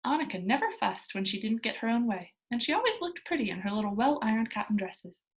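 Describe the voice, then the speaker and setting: Reading aloud as narrator, a fairly high-pitched woman tells a children's story. She takes a deliberate, expressive storyteller's approach.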